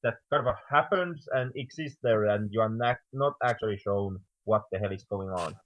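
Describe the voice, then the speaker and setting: A man's voice: lowish voice, moderate pace. A man co-hosting a podcast in casual chat, his voice muffled as if heard through a wall from a dropped mic. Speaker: podcast co-host. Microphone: dropped computer mic.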